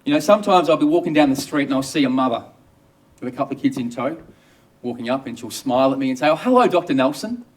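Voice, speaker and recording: A man's voice: mid-range voice, quick pace, far from the mic. An Australian man, an obstetrician, telling a first-person story with wry, dry humour.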